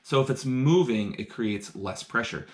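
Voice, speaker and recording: Live-streaming a science lesson from inside his home, a man works through hands-on experiments and explains each step with eager, chatty enthusiasm. His voice is medium-pitched and a little slow.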